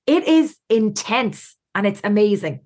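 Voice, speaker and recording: A woman's voice: mid-range voice, big pitch swings, a little slow, a little mellow. A woman hosting a chat in an eager, enthusiastic way. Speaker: podcast host. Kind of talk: casual chat.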